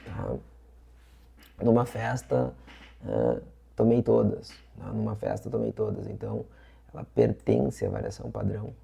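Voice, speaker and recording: A man's voice: lowish voice, big pitch swings, measured pace, gravelly, long pauses, warm tone, husky. A man teaching an exam-review lesson in a chatty way, repeating points and checking in with his students. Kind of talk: casual online lesson.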